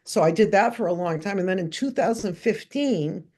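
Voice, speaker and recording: A woman's voice: mid-range voice, moderate pace. An older woman from New Hampshire, a guest education consultant, telling stories in a podcast interview and acting out the voices she quotes. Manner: lively anecdotal storytelling, acting out quoted voices.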